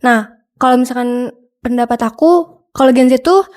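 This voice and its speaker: Female guest, 20s, high pitch, casual and loose. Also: normal speed, darkish tone. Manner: casual, uses "kayak" fillers. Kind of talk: casual podcast chat.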